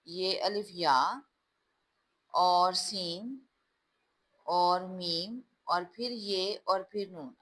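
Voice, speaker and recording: A woman's voice: mid-range voice, a bit bright, low-quality recording. A woman teaching a class, patiently spelling out words letter by letter and explaining how each one is written. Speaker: Urdu teacher.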